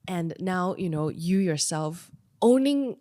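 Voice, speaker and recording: A woman's voice: lowish voice, expressive, slow, mellow, no echo, studio quality. A woman hosting a podcast interview, reacting eagerly with lots of short responses and questions. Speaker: podcast host. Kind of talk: casual interview chat.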